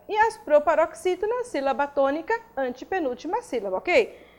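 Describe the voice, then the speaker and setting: A woman giving a grammar video lesson, explaining step by step and often checking in with her students. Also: high-pitched. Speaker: grammar teacher. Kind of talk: video lesson for exam prep.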